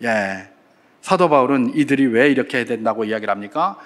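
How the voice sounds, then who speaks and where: A man preaching a sermon, posing rhetorical questions and acting out shouting crowds. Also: medium pitch, animated, brisk. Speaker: pastor.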